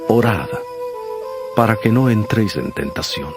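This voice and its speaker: A man playing a solemn, sorrowful yet authoritative Jesus in a dramatized audio Bible, speaking deliberately. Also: fairly low pitch, animated. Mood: anguished prayer. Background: music.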